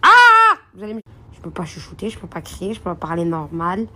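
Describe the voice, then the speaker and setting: A young woman vlogs from a hotel room on her phone, talking fast in a lowish voice over a faint hiss or hum. She's chatty and rambling, calling her followers princesses and girls.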